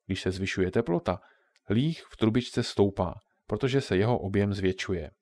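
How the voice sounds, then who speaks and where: A man voicing a kindly old grandmother who patiently explains things to her grandchildren, in a low voice. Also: darkish tone, no room sound, close to an everyday voice.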